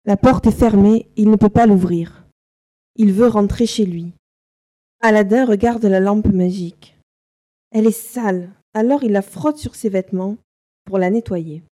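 Woman narrator, slow careful storybook reading, mellow tone. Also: mid-range voice. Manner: slow, simple, carefully articulated.

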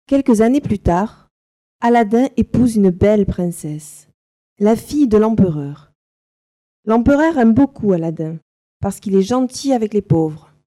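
A woman narrating a simple storybook slowly and carefully for learners. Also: mid-range voice, lively intonation, warm tone. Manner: slow, simple, carefully articulated.

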